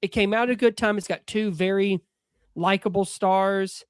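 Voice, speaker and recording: A man's voice: sits high, steady tone, normal speed, clean tone, dry recording. Chatty man on a dry mic. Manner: emphatic, chatty. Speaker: podcast co-host. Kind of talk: casual chat.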